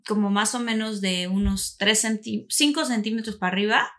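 A woman co-hosting a podcast, chatting casually and telling stories with lively quoted voices. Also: medium pitch, moderate pace. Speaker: podcast co-host. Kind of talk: casual chat.

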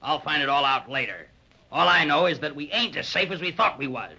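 This is a bullying, suspicious pirate captain from a radio adventure serial. The voice is high, piercingly hard and gravelly, barking sailor threats. It sounds like a dull old broadcast. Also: male voice, lively intonation, fairly quick, bright, forceful tone, exaggerated voice. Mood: threatening. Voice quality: raspy, harsh. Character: bullying, suspicious pirate boss of a diamond gang.

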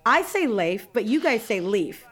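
An actress playing a sarcastic new waitress at a diner. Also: female voice, a little high, very animated, moderate pace. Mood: wry. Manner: dry, sarcastic. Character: wry new waitress, young woman. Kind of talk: audio drama acting.

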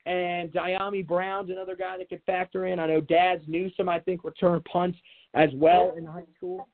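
This man's voice sits high and stays flat at a normal speed as he rambles alone on his sports podcast, speaking off the cuff and leaning on phrases like "you know". The audio sounds tinny and narrow, like a phone.

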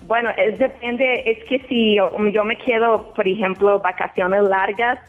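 A woman from Mexico calling in to a radio show, excited and hesitant, slipping into English words. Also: mid-range voice, measured pace, soft background music. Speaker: caller. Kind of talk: phone call to radio show. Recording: tinny phone line.

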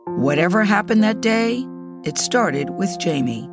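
A woman narrating a news feature in a measured, serious way. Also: medium pitch, expressive. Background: music bed.

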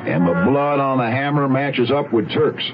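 A man's voice: mid-range voice, expressive, moderate pace, background noise, close to an everyday voice. Man playing a clipped 1930s beat-cop detective, lo-fi radio. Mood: cool, accusing. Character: hard-boiled circus security detective, cool and dogged. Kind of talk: old-time radio crime drama acting. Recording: dull lo-fi radio recording, loud music.

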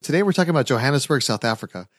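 A man's voice: medium pitch, animated, rapid-fire, dry recording, studio quality. A man hosting a travel podcast, upbeat and enthusiastic as he asks his guest questions. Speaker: podcast host. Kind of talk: podcast interview.

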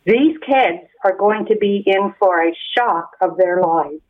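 A woman calling in to a radio show over the phone, speaking earnestly and emphatically with pauses. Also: medium pitch. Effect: heard over the phone. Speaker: radio caller, lunch supervisor. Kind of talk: call-in radio chat. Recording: tinny phone line.

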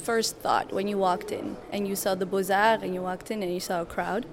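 A woman's voice: medium pitch, fairly even intonation, a little fast. A woman interviewer asking casual questions, rephrasing as she goes. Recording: crowd chatter at a festival.

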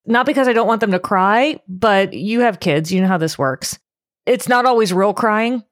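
A woman in her thirties or forties, a life coach co-hosting a casual chat, talking earnestly and in an animated way. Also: mid-range voice, normal speed, dry recording, studio quality. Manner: earnest, animated, acts out quoted voices.

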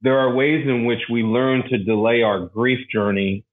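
Male podcast guest, mid pitch, reflective and hesitant with frequent restarts; tinny phone-quality audio. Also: fairly even intonation. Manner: halting, searching for words with many restarts.

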